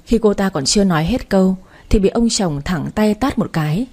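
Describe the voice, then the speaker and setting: A woman narrates a first-person story aloud with steady, even delivery. Her voice is mellow and warm, with a soft breathy edge. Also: mid-range voice, fairly quick.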